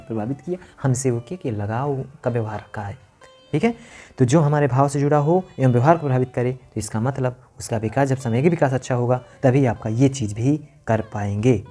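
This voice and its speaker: A man teaching an exam-prep class in a mellow, relaxed voice at a middle pitch. He walks through each point, says lines over and over, and asks questions that he answers himself. Soft music plays faintly behind him.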